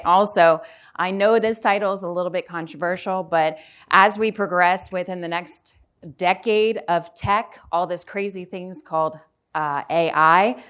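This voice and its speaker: This conference speaker, a woman in her forties from Houston, Texas, chats easily with her audience in a conference hall and asks them questions. Her voice is on the low side and a bit bright.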